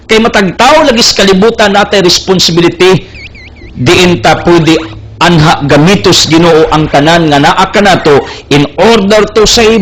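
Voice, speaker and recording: A young man delivers a heartfelt sermon. He speaks slowly and deliberately in a fairly high voice, pressing each point with emphasis. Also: fairly bright tone. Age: young adult. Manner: earnest, emphatic, mixing English into his preaching. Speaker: preacher.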